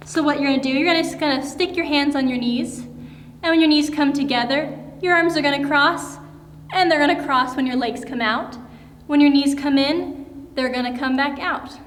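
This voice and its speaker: A woman's voice: high voice, a bit bright. A young woman teaching a children's dance lesson, upbeat and encouraging as she explains and counts out the moves. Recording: echoey room with long reverb.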